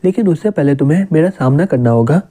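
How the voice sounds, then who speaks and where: A man reading the lines of a teasing, possessive young woman in a manga recap, in a fairly high, very dark, soft voice. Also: animated, quick pace. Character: clingy, jealous young woman sister figure.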